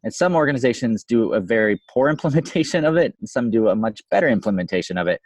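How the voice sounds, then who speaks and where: A software developer co-hosts a casual podcast discussion, talking fast in an animated, mid-range voice. The recording is dry, but the close microphone's gain is set too high, leaving him slightly fuzzy and distorted.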